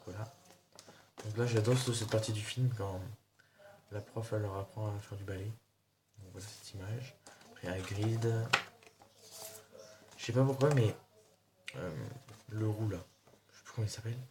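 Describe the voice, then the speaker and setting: A man chatting casually in a haul video, showing his purchases with a rambling, hesitant delivery full of fillers. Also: lowish voice. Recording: noisy home recording.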